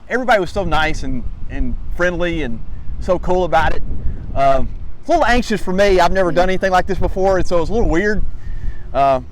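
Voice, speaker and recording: A man hosting a casual hiking vlog outdoors, talking in a folksy, rambling, self-effacing way. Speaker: host of a hiking channel. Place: outdoors by a lake in cold wind. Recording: noisy outdoor audio with vehicle rumble.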